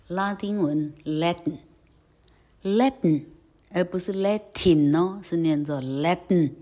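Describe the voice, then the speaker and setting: A woman's voice: lowish voice, darkish tone. A woman teaching English pronunciation, often ending phrases with a tag "ha" and carefully modeling the sounds. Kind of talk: online pronunciation lesson.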